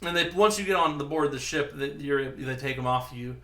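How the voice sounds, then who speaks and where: A man's voice: fairly high pitch, fairly quick, bright, forceful tone, roomy sound. A man narrating as game master of a tabletop game in a loose, joking way. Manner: loose, joking, full of fillers and restarts.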